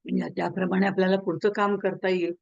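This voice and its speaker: A woman's voice: mid-range voice, flat delivery, quick pace, vocal fry, no room sound, lightly acted. A woman doing a courteous royal minister. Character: polite, businesslike royal minister. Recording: dull lo-fi dry recording.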